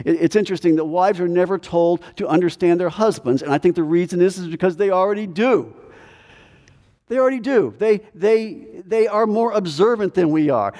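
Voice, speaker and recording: A man preaches a sermon in a relaxed, chatty way, mixing humor with rhetorical questions. His voice sits a bit high for a man but sounds mellow and dark. Long reverb from the hall trails behind his words. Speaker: pastor.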